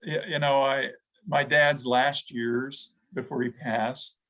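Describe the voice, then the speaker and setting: A middle-aged man speaks as an interview guest, thinking aloud as he goes. His delivery is halting and reflective, full of fillers and sentences he restarts, with a voice of ordinary male pitch. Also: flat delivery, fairly bright tone, rough recording. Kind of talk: reflective conversation.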